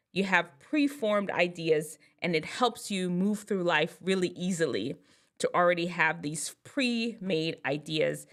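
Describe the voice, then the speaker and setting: A Jamaican vlogger with a mid-range voice chats casually to camera, telling stories and laughing at herself. When she gets excited, her voice takes big upward swoops.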